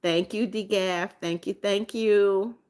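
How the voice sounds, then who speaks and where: A woman in her seventies, calling herself [name], hosts a casual livestream, reading viewer comments aloud and answering them. Her medium-pitched voice is smooth and darkish, slow, with fairly even intonation, and she often repeats phrases, with frequent ums and restarts.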